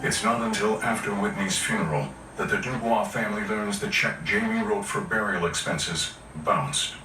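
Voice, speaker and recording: A man's voice: lowish voice, normal speed, roomy sound, distant mic, over music, low-quality recording. A man reading scripted true-crime documentary narration for television.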